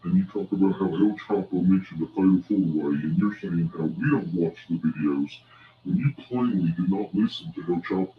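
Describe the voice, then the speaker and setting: A man speaking through a voice changer that pitches his voice deep, delivering a confrontational wrestling challenge promo. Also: fairly quick, slight background noise. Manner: confrontational, declarative. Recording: echoey, dull, distant video playback.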